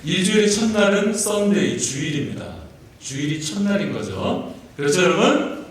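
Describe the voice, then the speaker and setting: A man's voice: high-pitched, very animated, moderate pace. A male pastor giving a playful sermon, joking and asking his congregation questions. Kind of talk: sermon with jokes and congregation interaction. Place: church sanctuary. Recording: echoey church hall, mic at a distance.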